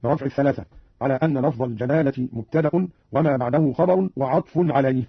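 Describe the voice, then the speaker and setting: A man's voice: mid-range voice, quick pace, husky, no room sound. A man presenting a formal radio program, explaining readings of verses and reciting each as an example. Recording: dull old radio broadcast.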